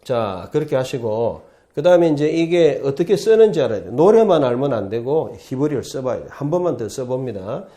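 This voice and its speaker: Male professor, relaxed and mellow, loose repetitive classroom delivery. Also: mid-range voice, a little fast. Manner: chatty, repetitive, often starts with "자" and "예". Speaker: Hebrew professor teaching the alphabet. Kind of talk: casual classroom lecture.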